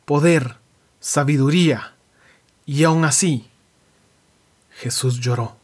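Reflective man preaching a devotional. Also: on the high side. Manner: reflective, slow emphatic pauses, dramatic drops in voice. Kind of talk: devotional sermon.

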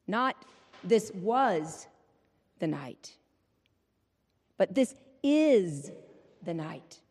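A woman preacher giving an Easter Vigil sermon into a pulpit microphone, in a measured, rhythmic style with repeated refrains. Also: on the low side, sing-song, a little mellow, breathy edge. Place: large church. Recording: long church reverb.

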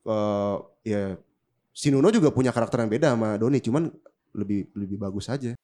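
Still stuffed up from a cold, this man's voice comes out slightly nasal, low-ish and mellow, and a little quick. He co-hosts a podcast with a Jakarta Indonesian accent, trading jokes in relaxed, slangy conversation.

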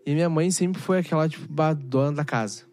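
A man's voice: fairly high pitch, a little fast, a little mellow. A young man, hosting a podcast and telling stories in laid-back, slangy casual chat. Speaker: podcast host.

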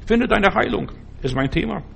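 A man's voice: high voice, animated, normal speed, vocal fry, a bit bright, breathy edge. A middle-aged man preaching a sermon, earnest and full of rhetorical questions.

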